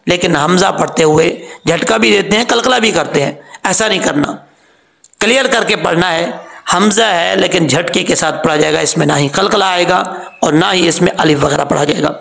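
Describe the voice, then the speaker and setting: A man with a high, gravelly voice gives a Quran pronunciation lesson. He explains the rules plainly and draws out sounds slowly so learners can copy them. The room has an echo. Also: fairly bright tone. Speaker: Quran recitation teacher. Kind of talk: tajweed lesson.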